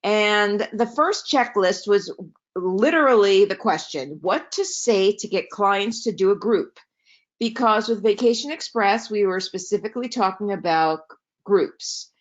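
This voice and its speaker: A woman teaching a live webinar over a video call, chatty and quick to correct herself as she goes. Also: medium pitch. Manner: chatty, self-correcting, lively asides. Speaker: webinar trainer. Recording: slightly dull, lo-fi webinar audio.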